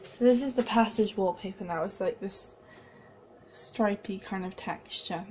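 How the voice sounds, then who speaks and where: A woman's voice: mid-range voice, measured pace, darkish tone, a little hiss or hum, rough recording. A young woman chatting casually in a rambling, giggly way while vlogging on a phone held at arm's length. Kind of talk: casual vlog chat. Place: small flat indoors, then windy street outdoors. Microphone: handheld phone camera at arm's length.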